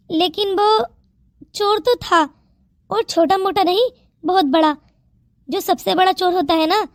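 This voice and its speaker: Someone voicing a polite loyal young guy in a cartoon, high pitched, dry. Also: no echo. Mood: explaining. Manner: respectful, earnest. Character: young man, loyal village guard, earnest. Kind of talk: cartoon story voice acting.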